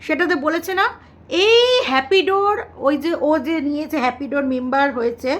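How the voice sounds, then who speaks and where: A woman's voice: sits high, animated, brisk. A woman vlogger, chatting to her viewers in a teasing way and repeating words in a sing-song. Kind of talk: casual commentary to viewers.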